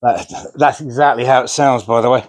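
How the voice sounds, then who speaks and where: In a steady mid-range voice at normal speed, a DIY vlogger talks viewers through his project while working, chatty and quick to laugh at himself. The remote-mic audio has no echo.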